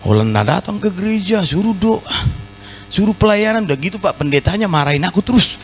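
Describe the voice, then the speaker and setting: A man's voice: sits high, lively intonation, brisk, soft background music. A man voicing a weary, grumbling male churchgoer with a Batak accent, whining about how hard following God is. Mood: complaining. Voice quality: whiny, complaining.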